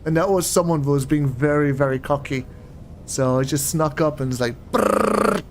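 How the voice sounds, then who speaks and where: Young male streamer, high voice, rambling and chatty, faint rumble behind. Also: fairly even intonation, fairly quick, darkish tone. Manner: chatty, rambling, easily puzzled. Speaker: game streamer. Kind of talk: casual live-stream chat while playing.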